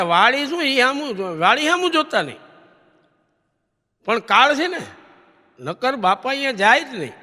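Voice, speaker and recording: A man telling comic stories on stage, animated, throwing the punchline back to the audience as a question. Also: very high voice, in a large hall. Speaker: stage comedian. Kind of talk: comic storytelling to a live audience.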